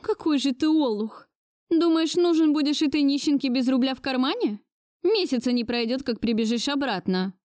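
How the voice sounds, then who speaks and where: A woman's voice: expressive, normal speed, darkish tone, dry recording, clean studio sound. A woman voicing a domineering, wealthy old grandmother who scolds in an imperious tone. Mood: furious. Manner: shrill, imperious reproach. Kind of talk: audiobook dialogue reading.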